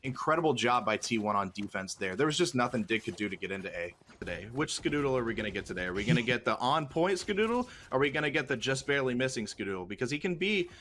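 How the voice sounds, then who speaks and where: A man of middling pitch gives rapid esports color commentary. He analyzes play emphatically, building his points through repeated phrases. Faint noise and clicks sit underneath his voice. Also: very animated, a bit bright.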